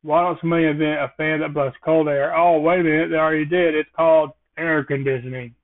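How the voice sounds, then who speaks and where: Hosting a casual solo podcast, a man rambles quickly through jokey observational musings. His voice is on the high side and his tone stays steady, and the recording has a tinny, phone-like quality.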